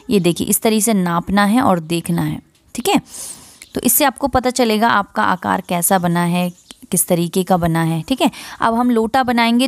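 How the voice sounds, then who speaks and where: A woman's voice: medium pitch, no room sound. Woman, art teacher, patient step-by-step drawing lesson, close dry sound. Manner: patient, explains each step and checks in.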